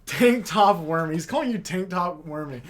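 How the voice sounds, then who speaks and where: A man's voice: sits high, expressive, normal speed. A man from Oklahoma co-hosting a podcast in casual chat, laughing often and dropping in short agreeing replies. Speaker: podcast co-host.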